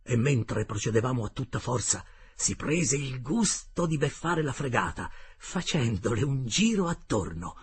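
A man reading a classic adventure novel aloud as an expressive first-person audiobook narrator. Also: medium pitch, measured pace, slight background noise.

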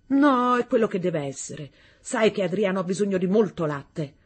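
A woman voicing a brisk, practical wife who speaks a little louder and higher, breathy. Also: expressive. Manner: brisk, insistent.

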